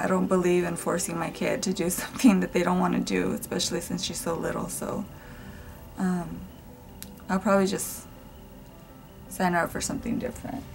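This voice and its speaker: Raspy, gravelly-voiced young woman chatting. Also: lowish voice, poor audio. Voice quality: raspy from just waking up. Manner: rambling, chatty, with small laughs and fillers. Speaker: beauty vlogger. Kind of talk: casual get-ready-with-me chat. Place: home room with family nearby.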